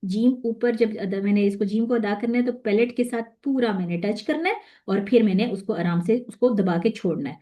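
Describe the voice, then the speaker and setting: A woman's voice: mid-range voice, hardly any pauses, warm tone. Woman patiently teaching Quran pronunciation. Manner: patient, repeats sounds to demonstrate, checks in often. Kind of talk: tajweed lesson.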